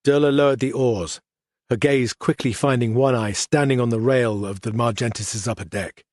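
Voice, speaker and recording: Man narrating a fantasy audiobook, measured and even, mid pitch, dry close mic. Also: no echo. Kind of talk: scripted narration.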